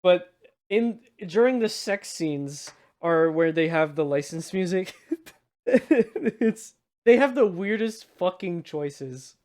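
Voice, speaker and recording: A man with a notably high voice hosts a casual movie podcast. He sounds tipsy and talks in emphatic, excitable banter, swearing freely as he goes. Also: slow. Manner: tipsy, from drinking on the show. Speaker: podcast host.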